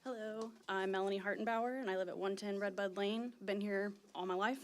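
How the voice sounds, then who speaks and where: A woman's voice: medium pitch, fairly even intonation, a little fast. A woman giving an emotional, indignant public comment at a city meeting.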